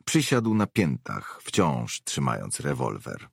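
Very deep, gravelly male narrator. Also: no room sound, clean studio sound. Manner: measured, expressive reading. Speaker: audiobook narrator. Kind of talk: audiobook narration.

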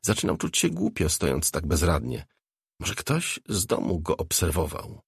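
A man narrating an audiobook in a calm, measured reading. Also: sits low, creaky, slightly rough, no room sound, clean studio sound. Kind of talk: scripted narration.

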